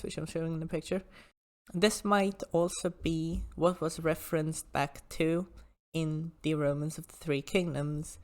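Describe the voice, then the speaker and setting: A woman's voice: low-pitched, a little mellow. A woman hosting an informal explanatory history talk, with hesitant asides as she explains.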